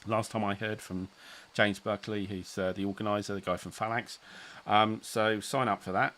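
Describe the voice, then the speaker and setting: A middle-aged man hosts a relaxed chat stream, his voice sitting on the low side. He rambles, backtracks, and restarts his sentences. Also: moderate pace. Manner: rambling, self-interrupting, chuckling. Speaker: channel host. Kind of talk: casual livestream chat.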